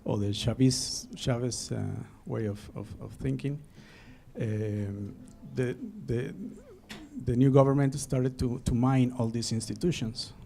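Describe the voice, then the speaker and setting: Panelist: middle-aged man from Bolivia, law professor, gravelly and dark, halting delivery. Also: medium pitch, fairly even intonation, slight background noise. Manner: hesitant, many fillers. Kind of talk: panel presentation.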